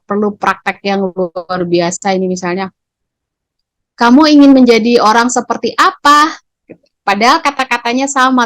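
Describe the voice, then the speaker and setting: A middle-aged woman presents training material to fellow teachers, voicing sample teacher and student lines with shifting intonation. Her voice sits in a middle pitch and is recorded close, with little room sound. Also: no echo. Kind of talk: explaining to colleagues in a staff training session.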